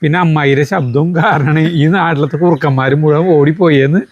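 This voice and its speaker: A man telling a local story in a casual family vlog, pausing often with fillers. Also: a little high, dry recording, dull audio.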